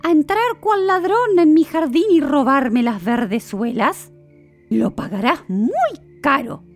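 A woman doing a slow, menacing old witch. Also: high-pitched, big pitch swings, faint music behind, pitched above the performer's own voice, exaggerated voice. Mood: angry. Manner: slow, menacing, drawn-out calls.

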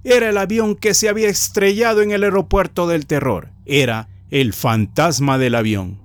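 A man's voice: fairly high pitch, moderate pace, dry recording. A man reading a scripted horror story with dramatic storytelling. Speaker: narrator. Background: faint music.

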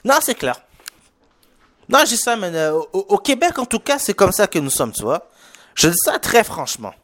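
A man's voice: high-pitched, big pitch swings, normal speed, a bit bright, no room sound. A young man from Quebec with a Québécois French accent that has a slight Haitian touch, hosting his own podcast in a chatty, rambling solo monologue full of fillers and English slang. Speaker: podcast host.

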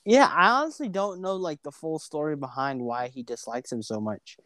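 Young male podcast host, rambling, restarts a lot; smooth, clean tone, close and dry. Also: fairly high pitch, moderate pace, a bit bright, dry recording. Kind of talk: casual interview.

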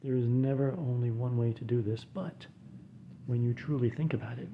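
A man reading reflections and a recipe aloud in a soft, often whispered voice, with dry deadpan asides. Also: mid-range voice, moderate pace, vocal fry, muffled recording, a little hiss or hum.

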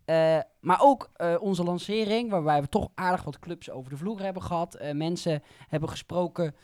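A man's voice: high voice, moderate pace, darkish tone, no echo. A man hosting an informal radio and podcast interview in a conversational way.

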